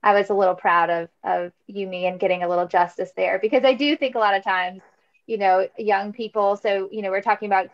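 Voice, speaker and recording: A woman's voice: mid-range voice, fairly even intonation, a little fast, highs cut off. A woman teacher in a book club discussion, thoughtfully building long points.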